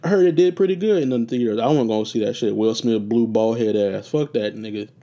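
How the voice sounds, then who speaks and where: A young podcast host runs a solo, casual talk show, rambling through loose, profane chatter packed with fillers. His medium-pitched, mellow voice moves briskly but grows raspy and sleepy as he goes.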